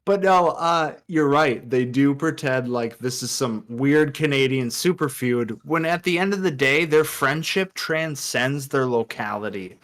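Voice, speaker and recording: A man of middling pitch co-hosts a casual podcast chat. He talks loosely and now and then slips into mock voices to quote people. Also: lively intonation, measured pace, hardly any pauses, a bit bright. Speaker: podcast co-host.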